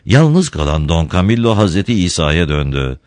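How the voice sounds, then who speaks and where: A man narrating a storybook in an expressive, dramatic way. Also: low-pitched, moderate pace, dry recording, studio quality. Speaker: audiobook reader.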